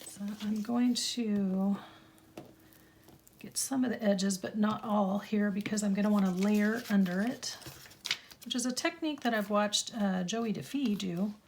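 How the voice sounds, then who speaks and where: A middle-aged woman, a little croaky, chatting casually and rambling as she crafts in her home studio, laughing at herself often. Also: medium pitch, unhurried, a little mellow, slight background noise. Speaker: craft channel host. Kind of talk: casual chat while crafting.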